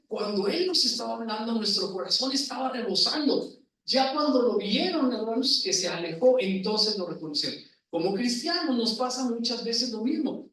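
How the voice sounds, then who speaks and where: A man's voice: high-pitched, sharp tone. A man preaching a sermon in a church, often asking the congregation questions. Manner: asks the congregation questions, slow emphatic phrasing. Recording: echoey room, voice from far off.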